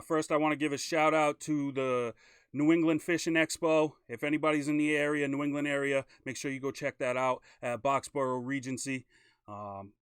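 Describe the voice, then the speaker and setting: Dude hosting a fishing live stream, smooth clear voice, dry close sound, chatty and upbeat. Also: male voice, on the high side, a bit bright, no room sound. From Maine. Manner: upbeat, chatty, plugs sponsors. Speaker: host. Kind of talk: casual live-stream interview.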